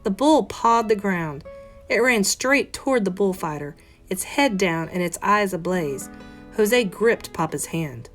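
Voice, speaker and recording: Like a classroom teacher, a woman reads a children's picture book aloud at a measured pace, her medium-pitched voice full of expressive emphasis and careful phrasing. Soft plucked guitar music plays behind her.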